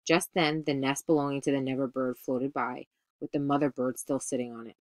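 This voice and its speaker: A woman teacher reading a children's story aloud, expressive, now and then correcting a slip. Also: a bass voice, a little fast, no echo. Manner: expressive, occasional self-corrections.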